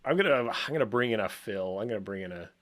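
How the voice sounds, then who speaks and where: A man co-hosting a casual design show, thinking aloud as he works, with frequent ums and soft chuckles. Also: on the low side, animated, quick pace. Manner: rambling, chuckles often, many ums. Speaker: co-host working in software.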